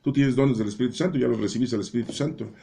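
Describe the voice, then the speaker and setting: A man's voice: racing, vocal fry, dark tone. A man explaining Bible readings in a conversational sermon, often checking in with his listeners with "¿no?" and "¿verdad?". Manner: conversational, keeps asking "¿verdad?" and "¿no?"; acts out doubters' voices in a higher pitch. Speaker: lay preacher explaining scripture readings. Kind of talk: informal Bible reading commentary.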